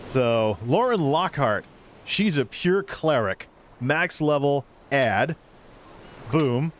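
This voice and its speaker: A man's voice: fairly high pitch, lively intonation, slow pace. A man giving casual gameplay commentary, rambling and thinking aloud as a video creator.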